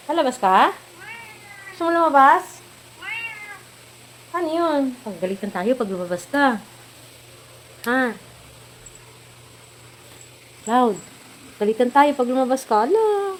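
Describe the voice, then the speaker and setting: A Filipina woman who is feverish and unwell vlogs casually at home indoors, coaxing her cat in playful baby-talk and giggling often. Her voice is high with lively intonation, and she speaks slowly with long pauses. The low-quality recording carries slight background noise.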